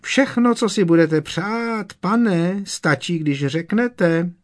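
A man doing a shrill, fawning house-elf. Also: close to an everyday voice. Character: squeaky eager male house-elf servant.

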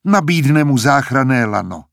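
A man voicing a stern, bitter older male academy dean in an audiobook, speaking in a cold, measured, mocking way. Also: mid-range voice, big pitch swings, vocal fry, fairly bright tone, no room sound, clean studio sound, voice pushed up.

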